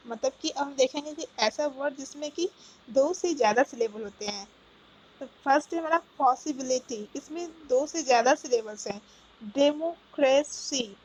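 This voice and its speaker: A woman's voice: high voice, muffled recording. A woman teaching a grammar lesson, explaining step by step and often checking with "okay, got it?". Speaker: English teacher.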